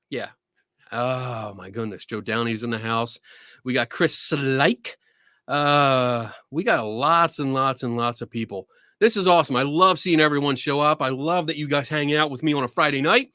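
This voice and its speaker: A man with a Philadelphia accent hosting a livestream show in a casual, excitable way, often laughing. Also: a little high, no room sound, clean studio sound. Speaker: podcast host.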